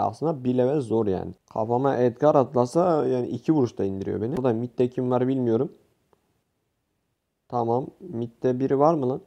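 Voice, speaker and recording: A young man from Turkey giving excitable, swear-filled commentary over his own gameplay, shouting and yelping when things go wrong. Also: medium pitch, highs cut off. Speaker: gaming youtuber.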